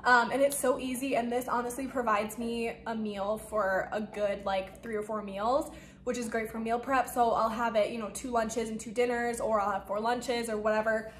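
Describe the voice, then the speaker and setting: A woman's voice: a little high, fairly even intonation, normal speed. A young woman chatting casually through her meal prep, rambling with lots of fillers and a bit out of breath. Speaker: vlogger. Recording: echoey room with faint noise.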